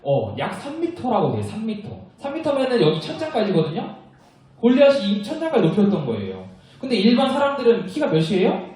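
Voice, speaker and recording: Young man, children's sermon storytelling, high lively voice, mellow tone, asks the kids questions. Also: quick pace, recorded from a distance. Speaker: children's ministry preacher. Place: church worship room. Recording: echoey room, voice from afar.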